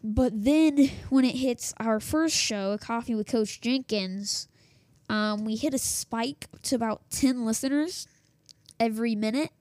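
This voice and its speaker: A woman's slightly high, slightly mellow voice moves a little slowly as she hosts a small radio news show from home while losing her voice. Her rambling chat is casual, self-interrupting and packed with fillers and restarts. A desktop setup with a small soundboard gives a dry recording.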